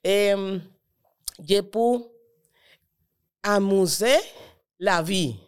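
Woman with Spanish-accented French, clear and halting. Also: mid-range voice. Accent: Latin American Spanish. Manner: halting, searching for words in non-native French. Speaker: interview guest, immigrant. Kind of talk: casual conversational interview.

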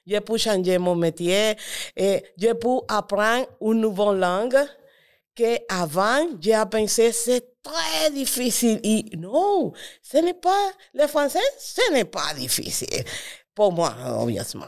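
A woman's voice: medium pitch, sing-song, takes it slowly. A woman who is a native Spanish speaker, talking conversationally in French with a foreign Latin American accent, often searching for words. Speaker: interview guest, immigrant. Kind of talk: casual conversational interview.

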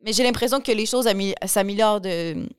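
A woman with a Québécois French accent talks casually as a podcast host, stumbling over restarts and fillers as her thoughts run on. Her voice is smooth and clear. The sound is close and dry. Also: medium pitch, a little fast, no echo. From Quebec. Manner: chatty, many restarts and fillers. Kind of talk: casual conversation.

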